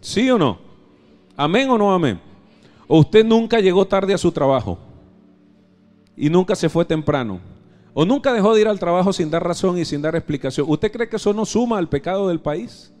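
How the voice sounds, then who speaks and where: A man with a Venezuelan accent preaching a live church sermon, emphatic, firing questions at the congregation and swinging from loud exclamations to soft low asides. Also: animated, moderate pace. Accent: Venezuelan Spanish. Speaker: pastor. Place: church service.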